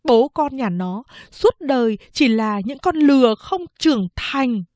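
Woman doing a shrill old mother-in-law. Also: lively intonation, a little mellow, no echo. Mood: stern, weary. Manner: shrill wailing cries when in pain, slow stern talk. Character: old sick mother-in-law, bossy and wailing.

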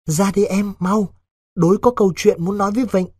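A man's voice: high-pitched, fairly even intonation, brisk, breathy edge, dry recording, studio quality, pitched above the performer's own voice. A man doing a desperate young village lover. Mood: urgent. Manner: urgent, hushed persuading.

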